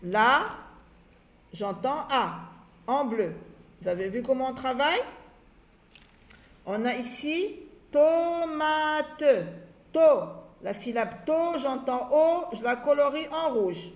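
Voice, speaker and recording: A woman's voice: sits high, animated, measured pace, long pauses. A woman teacher patiently walking young children through a reading exercise, repeating and stretching out words syllable by syllable. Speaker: primary school teacher. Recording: echoey room.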